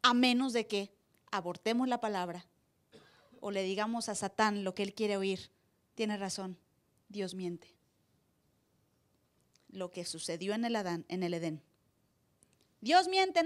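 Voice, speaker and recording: A woman pastor preaching a sermon live in church, acting out voices with sudden loud cries. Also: medium pitch, steady tone, a little slow, long pauses.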